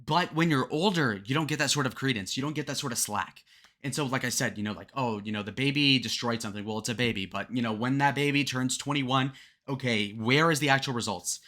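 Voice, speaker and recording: Young male commentator, twenties, bright forceful voice, blunt and rambling. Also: mid-range voice, brisk. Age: 20s. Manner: blunt, rambling, filler-heavy. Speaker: music commentator. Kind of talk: casual song breakdown commentary.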